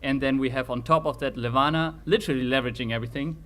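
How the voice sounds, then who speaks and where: A man with a German accent co-hosting a casual livestream, thinking aloud in halting phrases and laughing often. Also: mid-range voice, fairly bright tone. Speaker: co-host picking giveaway winners.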